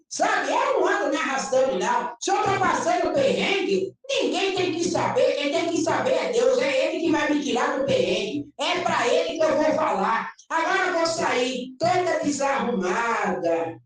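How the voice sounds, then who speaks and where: A woman pastor with a Brazilian Portuguese accent, preaching a lively, chatty sermon and often checking that the congregation follows her. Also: high voice. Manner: animated and chatty, often asking listeners if they follow. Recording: echoey room recorded from far off.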